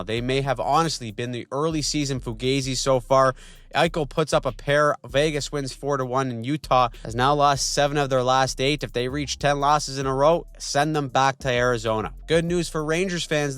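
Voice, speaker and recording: A man's voice: mid-range voice, a bit bright, smooth, no room sound. A young man narrating a scripted weekly hockey recap with snarky, slangy jokes. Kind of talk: scripted sports recap voice-over.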